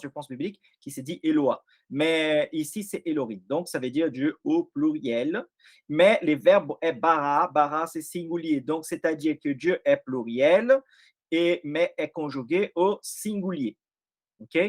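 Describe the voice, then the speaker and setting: Man teaching scripture with a foreign accent. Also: a little high. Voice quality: speaks French with a non-native accent. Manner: explains step by step, often checks in with listeners. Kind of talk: informal Bible study explanation.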